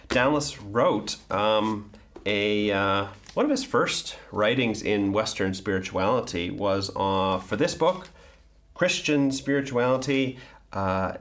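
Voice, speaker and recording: A man hosts an informal commentary on a spiritual book. His voice sits a little low, and he speaks thoughtfully, pausing often and restarting his sentences as he thinks aloud. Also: fairly bright tone. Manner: thoughtful, hesitant, many ums and restarts. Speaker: host.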